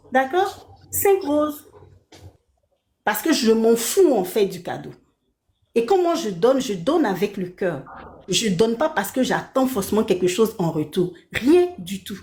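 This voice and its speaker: A woman with a somewhat high voice delivers an indignant rant on a live stream from her apartment. She repeats herself for emphasis and presses her listener for agreement. The room gives her voice a clear echo. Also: darkish tone. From Belgium. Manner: indignant, repeats her points, asks "d'accord?".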